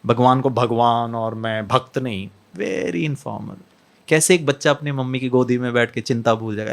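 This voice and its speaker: Gravelly man giving a lively talk. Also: mid-range voice. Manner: mixes Hindi and English, asks the audience questions, acts out scenes. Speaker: spiritual speaker. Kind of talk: lively motivational talk to an audience.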